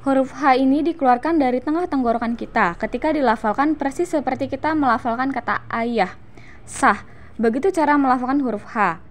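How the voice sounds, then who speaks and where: A young Indonesian woman explaining Quran recitation letter by letter and sounding out syllables slowly and drawn out as examples. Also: high voice. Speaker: student presenting a Quran recitation lesson. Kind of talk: instructional explanation with slow demonstrations.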